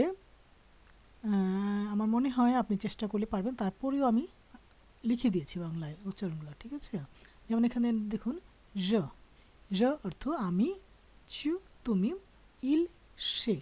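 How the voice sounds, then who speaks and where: A woman's voice: medium pitch, mellow. A woman teaching a beginner French grammar lesson, patient and step by step, often checking in with her listeners. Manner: patient, explains step by step, often asks "all right?".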